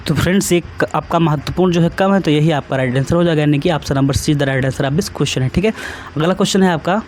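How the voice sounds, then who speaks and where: A man's voice: fairly high pitch, fast, a little mellow, a little hiss or hum. A man, teaching an exam-prep lesson in a casual, repetitive way and often checking that students follow. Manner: repetitive, asks students questions, adds tag questions.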